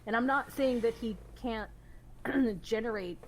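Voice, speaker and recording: A woman co-hosting a casual TV recap podcast, talking in an animated, analytical way with frequent restarts. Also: a little high, unhurried, slight background noise, low-quality recording. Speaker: podcast co-host.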